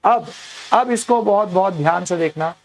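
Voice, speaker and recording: A man teaching chemistry in a playful online lecture, staging mock dialogues with his students and slowing down to dictate English phrases word by word. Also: high voice.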